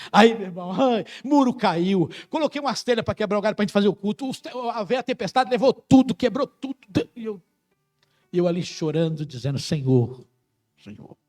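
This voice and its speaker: Brazilian pastor guy preaching, high voice, gets loud then goes real soft. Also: fairly quick, faint music behind. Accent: Brazilian Portuguese. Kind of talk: sermon.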